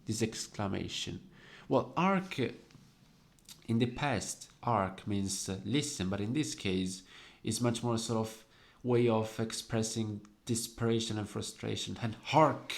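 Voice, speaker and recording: A young man slowly explaining the devices in his own poem, lingering over each quoted verse word. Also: lowish voice, vocal fry. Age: young adult.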